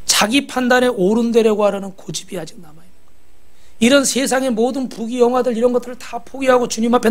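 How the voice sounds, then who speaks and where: A pastor preaching a sermon. He exhorts the congregation, asks them rhetorical questions and has them repeat after him. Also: very high-pitched.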